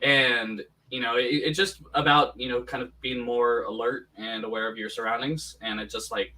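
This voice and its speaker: A man's voice: mid-range voice, fairly even intonation, normal speed, pushed and bright, far from the mic. A man chatting casually on a podcast, rambling with many restarts, his voice sounding tinny and metallic, as if in a tin can. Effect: tinny tin-can sounding microphone. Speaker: podcast co-host. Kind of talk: casual chat. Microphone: poorly set up home microphone.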